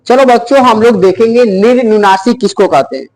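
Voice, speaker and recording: A man teaching an exam-prep Hindi grammar lesson, slowly repeating each term and quizzing his students. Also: extremely high pitch, a little mellow, rough recording.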